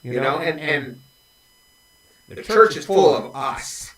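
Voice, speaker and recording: A man's voice: fairly high pitch, animated, takes it slowly, fairly bright tone, reverberant. A man in his forties speaking bluntly and earnestly in casual conversation. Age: 40s. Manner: earnest, blunt confessional talk. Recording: voice from a distance off mic.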